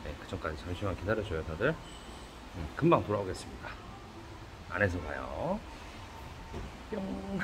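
30s guy vlogging thru a face mask, low voice but bouncy, loud traffic noise behind. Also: big pitch swings, normal speed, pauses often. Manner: chatty, addresses viewers directly. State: talking through a face mask. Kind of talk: casual vlog chat to viewers. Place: outdoors in the rain on a street.

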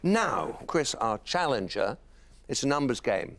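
Dry-witted game show host. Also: male voice, medium pitch, very animated, a little slow, a bit bright. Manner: dry, teasing quips. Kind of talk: quiz show hosting. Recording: noisy broadcast studio.

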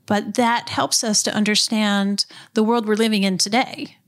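A woman's voice: medium pitch, flat delivery, normal speed. A woman museum director speaking as a guest, explaining things earnestly in a casual interview. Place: house next door to a museum.

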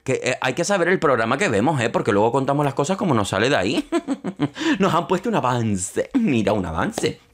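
A young man, giving opinionated, sarcastic commentary on a reality show and slipping into quick impressions of the people on it. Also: medium pitch, sing-song. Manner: sarcastic, opinionated, mocking asides; quick shifts into quoting others. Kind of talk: casual commentary.

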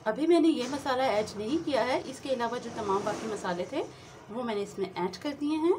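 In a home kitchen, a woman hosting a cooking channel explains a recipe step by step, friendly and speaking straight to her viewers with English words mixed in. Her voice is a little high and animated, at a moderate pace. The noisy phone recording is full of frying and sizzling.

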